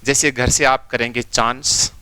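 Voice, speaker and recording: A male teacher giving an online exam-prep lesson, repeating key points and slowly breaking words into their separate sounds. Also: mid-range voice, little pitch movement, sharp tone, smooth, no echo. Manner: slowly spells out sounds one by one.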